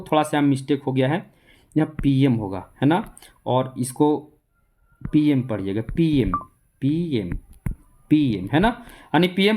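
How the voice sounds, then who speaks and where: Male coaching-class teacher with a Jharkhand accent and a slightly raised pitch. Explanatory, repetitive delivery. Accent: Jharkhand Hindi. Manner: repetitive, asks rhetorical questions, then answers them. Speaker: Hindi exam coaching teacher.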